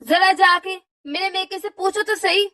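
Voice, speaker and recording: A woman voicing a nagging older mother-in-law in a cartoon, scolding her daughter-in-law with shrill, drawn-out wails. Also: steady tone, bright, forceful tone, dry recording, exaggerated voice. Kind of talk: cartoon voice acting.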